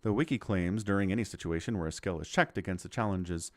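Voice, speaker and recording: A man commentating as he plays a role-playing game, playfully thinking out loud and reading the text aloud. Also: low voice, quick pace, dry recording.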